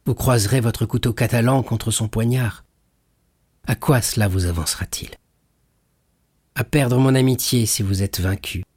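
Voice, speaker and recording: A man's voice: mid-range voice, steady tone, normal speed, pauses often, darkish tone, husky, dry recording, studio quality, natural voice. A man reading aloud voices a passionate, loyal young fiancée who pleads with fervor in a storybook. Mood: earnest pleading. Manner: fervent, tearful pleading.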